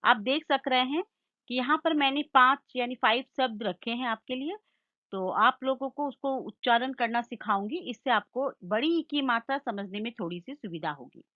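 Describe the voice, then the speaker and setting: A woman teacher giving a Hindi lesson, slowly sounding out each word and explaining its meaning. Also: a little high, phone-quality sound. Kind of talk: slow classroom lesson with call-and-repeat.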